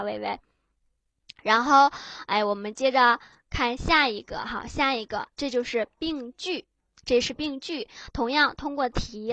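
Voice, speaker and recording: A woman's voice: fairly high pitch, a bit bright, no echo. A woman teacher giving an exam-prep lecture, explaining patiently and tagging her phrases with little "ha" fillers. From China.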